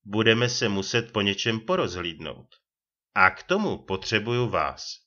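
A gruff old retired detective, as a male reader puts him on, blunt and growling, his pitch swinging widely as he talks. The sound is dull and lo-fi. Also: very animated, bright, forceful tone. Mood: scheming. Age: older.

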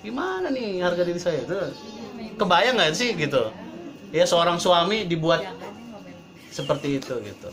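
A man's voice: fairly high pitch, animated, moderate pace, long pauses. A man in his thirties, a parenting trainer, giving a casual talk to a live audience in a chatty way and acting out quoted parents. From Indonesia. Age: 30s. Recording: crowd heard around the speaker. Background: audience murmurs and laughs.

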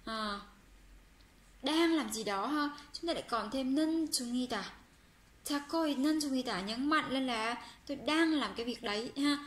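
A woman teaching a language lesson, patiently repeating phrases slowly for learners and reading example sentences quickly. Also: high-pitched. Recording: roomy with faint background hum.

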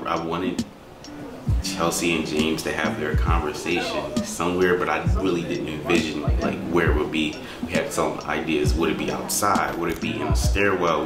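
A man telling the behind-the-scenes story of his film in casual, reflective talk, loose with fillers. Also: extremely low pitch. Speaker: filmmaker describing his film. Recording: roomy sound under loud music.

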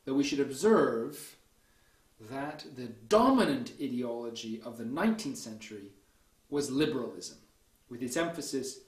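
A man delivering a university history lecture in a measured, deliberate way, often checking in with "okay" and starting points with "so". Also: medium pitch. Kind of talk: academic lecture. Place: lecture room. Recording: echoey lecture room.

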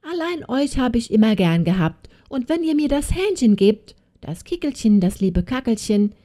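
A woman voicing a greedy, flattering old witch with a cooing, sing-song voice. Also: fairly high pitch, moderate pace, pitched above the performer's own voice. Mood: scheming.

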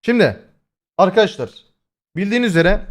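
A man's voice: sits high, big pitch swings, fairly quick. A young man livestreaming, chatting casually and swearing as he talks straight to his chat at a desk microphone. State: voice strained after hoarseness. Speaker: streamer.

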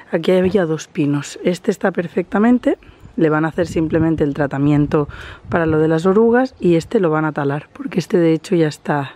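A woman vlogger with a low-pitched voice chats casually while walking around her house and garden, explaining the plans, in a home tour vlog. She's outdoors in the garden and terrace, with background noise.

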